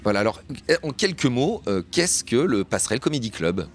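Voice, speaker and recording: A man's voice: medium pitch, big pitch swings, brisk. A man hosting a live community radio show outdoors at a neighbourhood fête, chatty and rambling, with lots of fillers. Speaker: radio host. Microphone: radio studio mic set up outdoors.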